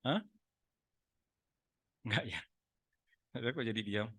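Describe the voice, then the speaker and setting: A man's voice: medium pitch, expressive, slow, pushed and bright, breathy edge. A man preaching a Sunday sermon in church, talking with the congregation and teasing them with questions. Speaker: pastor. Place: church service.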